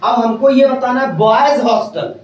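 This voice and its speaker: A male teacher gives a classroom grammar lecture in a fairly high voice. He often pauses to ask whether the class is following. The sound is very echoey and distant, as if the mic is across the room. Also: lo-fi sound, slight background noise. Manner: keeps checking if students understood.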